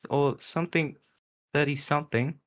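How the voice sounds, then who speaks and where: A man's voice: on the high side, fairly even intonation, moderate pace, a bit bright. A man co-commentating a sim race, giving play-by-play calls with hesitant fillers. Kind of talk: casual sim racing commentary.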